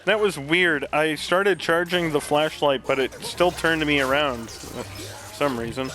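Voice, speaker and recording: Casual male game host, slightly high voice, loose joking commentary. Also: unhurried, bright, forceful tone, soft background music, low-quality recording. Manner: rambling, joking asides. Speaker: gaming channel host.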